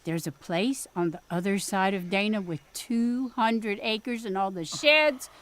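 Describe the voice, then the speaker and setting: Unhurried and fairly bright, a woman's medium-pitched voice lightly acts out a pushy small-town mother. It's period radio drama, and she uses a Midwestern American accent. She comes across as folksy, plain-spoken, and quick to scold.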